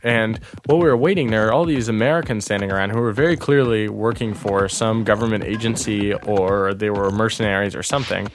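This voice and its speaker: A man's voice: fairly low pitch, brisk, hardly any pauses, noisy background. A man telling a travel story in casual conversation, rambling and restarting, laughing at his own tale.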